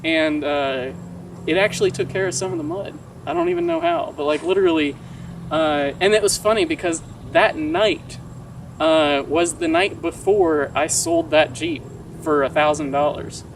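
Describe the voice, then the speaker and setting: A man's voice: on the high side, sing-song, moderate pace. A young American man casually telling an anecdote, swearing freely and animatedly acting out quoted dialogue. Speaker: vlogger telling a story. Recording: distant mic, clear outdoor traffic noise.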